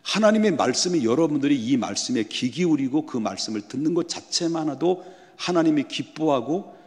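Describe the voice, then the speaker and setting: A male pastor delivering a sermon, often asking his congregation rhetorical questions and building to loud, emphatic passages. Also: a little high, lively intonation, a little fast. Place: church sanctuary. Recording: long church hall reverb.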